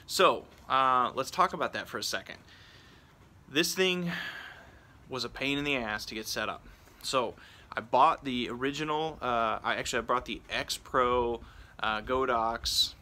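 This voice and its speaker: A man's voice: mid-range voice, pushed and bright, a little hiss or hum. A man chatting casually and informally outdoors in a backyard, rambling and interrupting himself as he reviews gear. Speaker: product reviewer and vlogger. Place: outdoors in a backyard on a rainy evening.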